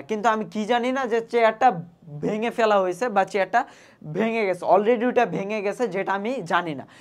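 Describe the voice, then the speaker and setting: Woman tutor explaining step by step. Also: medium pitch. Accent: Bangladeshi Bengali. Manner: explains step by step, often asks "ঠিক আছে?"; spells words out syllable by syllable. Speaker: admission test English tutor. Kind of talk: exam prep lesson.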